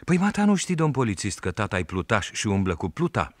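A man voicing a cheeky, quick-witted village schoolboy, a raftsman's son, with playful sing-song calls. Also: lowish voice, very animated, very noisy, pitched above the performer's own voice.

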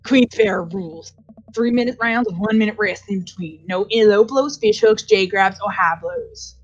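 A woman's voice: mid-range voice, normal speed, natural voice. A woman voicing a combative middle-aged film-snob man from a video game, blustering like a wannabe tough guy. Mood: threatening. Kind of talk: dramatic reading of visual novel dialogue. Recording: dull lo-fi audio with music behind.

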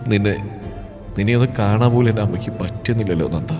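A man plays a young man in a storybook reading, choked with grief, his words halting and low. The recording carries a long reverb with faint music. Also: level tone, natural voice. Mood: grief-stricken.

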